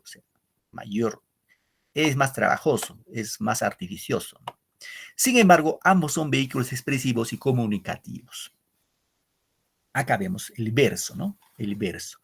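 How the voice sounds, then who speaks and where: Male teacher, middle-aged, husky voice, patient online lecture, asks the class lots of rhetorical questions. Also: medium pitch. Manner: explains with repetition and asks "¿no?" often; addresses pupils as "queridos muchachos". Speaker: literature teacher.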